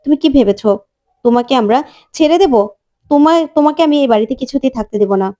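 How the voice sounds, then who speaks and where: A woman's voice: high voice, quick pace, warm tone, close to an everyday voice. Woman doing a firm older woman of the house. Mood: determined. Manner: firm, threatening.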